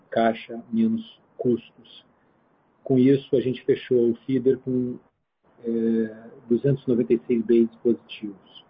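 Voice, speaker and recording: A Brazilian man presenting financial results as an executive, semi-spontaneous, halting and measured as he goes through figures. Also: medium pitch, breathy edge. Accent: Brazilian Portuguese. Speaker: chief investment officer presenting results. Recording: narrow, tinny phone line.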